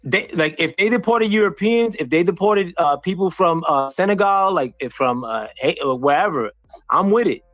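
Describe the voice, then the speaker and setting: A man from the United States making a point on a political call-in panel, halting and restarting with lots of fillers. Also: sits high, lively intonation, a bit bright, no echo, dull audio. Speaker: panel caller. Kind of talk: heated political debate.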